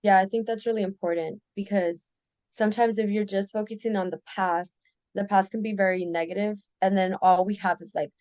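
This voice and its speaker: A woman's voice: mid-range voice, fairly even intonation, a little fast, darkish tone, no room sound. A young woman from the United States hosting a casual student podcast, talking with some hesitation and restarts.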